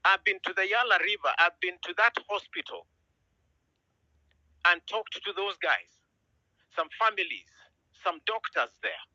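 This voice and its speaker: A man's voice: high voice, lively intonation, measured pace, pauses often, sharp tone, no echo, dull audio. A middle-aged man with a Kenyan accent, speaking out with earnest, emphatic force and repeating lines for weight. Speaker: musician and citizen speaking out. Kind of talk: impassioned speech.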